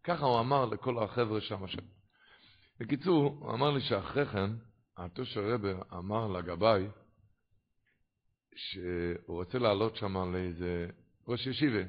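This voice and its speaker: Man, gravelly rabbi preaching, stories told with bursts of loud animation, dull lo-fi sound. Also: lowish voice, pauses often. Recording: dull lo-fi recording.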